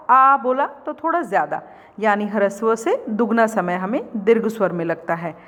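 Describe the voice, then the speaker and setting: A woman's voice: a little high, big-room sound. A woman teaching an online Hindi grammar lesson, explaining patiently and checking in often. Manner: slow, patient explaining with repeated "theek hai".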